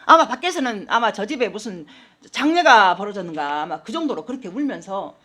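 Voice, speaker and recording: A woman pastor preaching a sermon in a church, telling stories with animated, acted-out quotes. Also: mid-range voice, a little fast. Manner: animated storytelling, acting out quoted voices. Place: church sanctuary.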